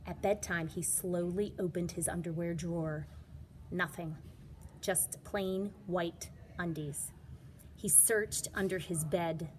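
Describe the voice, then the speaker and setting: A woman's voice: on the low side, steady tone, slow pace, slight background noise. A woman reading a children's storybook aloud as a teacher, with dramatic, emphatic delivery.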